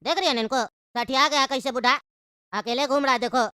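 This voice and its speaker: A woman's voice: high-pitched, steady tone, a little fast, pushed and bright, clear, resonant tone, no room sound, clean studio sound. Woman voicing a cheeky young cartoon guy. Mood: mocking. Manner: coaxing, teasing. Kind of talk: cartoon voice acting.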